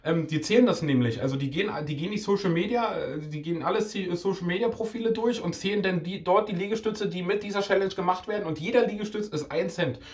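A man's voice: high-pitched, fast, hardly any pauses. A man of twenty-two talking casually to the camera, informal and slangy, often repeating words as he goes. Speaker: video creator. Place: small indoor room.

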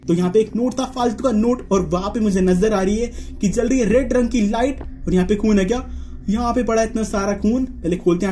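High-voiced and dark in tone, a young male YouTuber talks through his horror game run. He sounds on edge, coaxing himself along and yelping each time he's caught.

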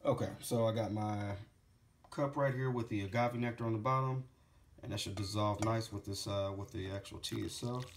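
A home cook vlogger in his forties rambles in a laid-back way while cooking in his home kitchen for a casual how-to vlog, saying "man" and "bad boy" a lot. His fairly low voice sounds slightly congested and moves at a moderate pace, captured on a phone camera with clear background noise.

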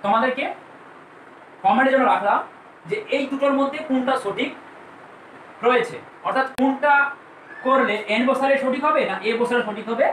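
A man teaches English grammar, patiently repeating each example. His voice sits very high and is caught from off the mic. The room gives it an echo, with a faint hiss behind. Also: fairly bright tone, recorded from a distance. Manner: slow, repetitive explaining, spelling out examples. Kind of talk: classroom-style grammar lesson.

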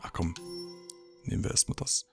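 A man's voice: normal speed, over music. A man giving casual gameplay commentary, thinking aloud and muttering his reactions as he plays. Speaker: let's play gamer.

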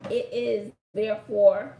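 A middle-aged woman with a Brooklyn accent hosts a casual live word game, repeating phrases playfully and emphatically. Her mid-range voice is creaky and mellow, with flat delivery and a slow pace. She's far from the mic in a home room by a shuttered window, with roomy echo and faint background noise.

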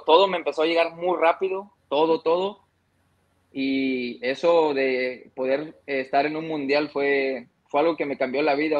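A man's voice: on the high side, low-quality recording. Man telling his football story. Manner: conversational, pauses to excuse coughs and slips. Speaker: guest, former footballer. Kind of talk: casual interview storytelling.

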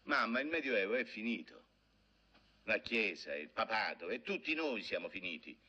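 An actor playing a haughty, mocking nobleman with a Roman accent, talking in a sardonic, lively way. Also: lowish voice, normal speed, heavily acted. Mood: scornful. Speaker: marquis hosting guests. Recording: dull old film soundtrack with music.

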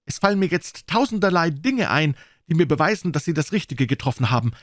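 A man's voice: on the high side, expressive, brisk, fairly bright tone, no room sound, studio quality, pitched above the performer's own voice. A man voicing an eager, urgent young woman governess in a storybook reading.

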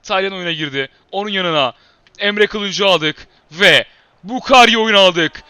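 A man giving live commentary over his football career-mode game, shouting at his players and then muttering when things go wrong. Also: high voice, unhurried, smooth, no echo. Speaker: gamer and channel host.

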